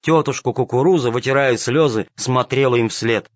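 A man narrating a children's storybook in a calm, even reading voice. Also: medium pitch, moderate pace, dry recording. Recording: dull, dry lo-fi recording.

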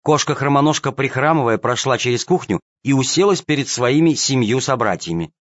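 A man's voice: mid-range voice, animated, a little fast, no room sound. Man reading a storybook, dry sound. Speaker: narrator. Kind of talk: storybook narration. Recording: dull, dry lo-fi recording.

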